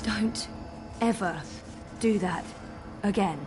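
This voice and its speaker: A woman's voice: mid-range voice, slow, natural voice. An actress playing a weary but kind young woman in a video game, dry, understated and conversational. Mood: firm, annoyed. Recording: music behind the voice.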